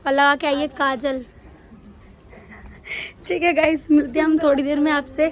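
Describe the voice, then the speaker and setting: Hoarse young woman vlogging, high voice. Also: level tone, normal speed. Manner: chatty, playful, addresses viewers directly. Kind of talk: casual vlog chat. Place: home rooftop with family around. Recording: crowd of family chatter behind.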